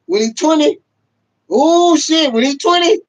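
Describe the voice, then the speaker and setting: A man, hosting a casual livestream rant. He talks loudly and profanely to his viewers, laughing often. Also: extremely high pitch, lively intonation, unhurried, rough recording. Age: 30s. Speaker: livestream host.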